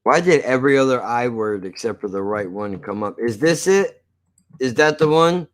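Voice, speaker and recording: American guy rambling on stream, sweary, talks kinda mushy like loose dentures, mid pitch. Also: expressive, normal speed. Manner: blunt, profane, self-deprecating. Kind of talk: casual rambling live-stream chat.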